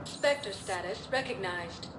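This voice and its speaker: A woman voicing a calm female elevator computer that makes measured automated announcements. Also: medium pitch, very noisy. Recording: echoey with loud game music.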